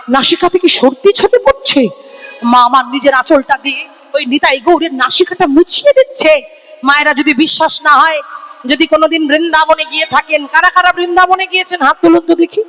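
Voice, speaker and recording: A woman's voice: high-pitched, fairly bright tone. Brief: woman devotional storyteller, vivid delivery, crowd call-outs, music under, echoey hall. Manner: dramatic, calls out to the audience. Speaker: kirtan singer and storyteller.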